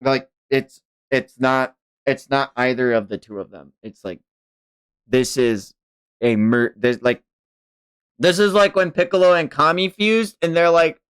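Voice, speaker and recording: A man hosts a manga read-along on a livestream, blending narration with enthusiastic, casual fan commentary. His mid-range voice is smooth and a little slow, and the recording is dry.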